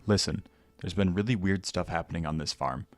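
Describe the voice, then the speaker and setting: A man's voice: deep voice, a little fast, no room sound, natural voice. A man voicing a frightened young woman. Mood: pleading. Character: anxious young woman farm-sitter, frightened, insistent.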